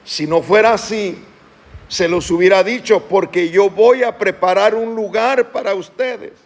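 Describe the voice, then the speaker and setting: A man preaching a sermon as pastor of his church, slowing down and lifting his voice when he reads scripture aloud, and calling on the congregation to respond. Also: high-pitched. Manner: asks the congregation questions and calls them to respond.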